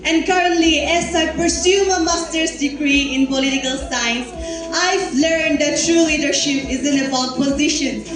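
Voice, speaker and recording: A woman's voice: high voice, a little slow. A woman in her twenties from Nagaland giving a formal, proud pageant introduction. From Nagaland, India. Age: 20s. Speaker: pageant contestant. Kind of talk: rehearsed stage introduction. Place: large hall stage. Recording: very echoey hall, distant mic, music behind.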